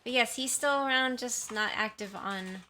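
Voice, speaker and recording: A woman livestreamer chats casually with her viewers from a room at home, rambling and apologizing often. Her fairly high voice is bright and forceful at a moderate pace, picked up by a desktop condenser mic set to high sensitivity, with slight background noise.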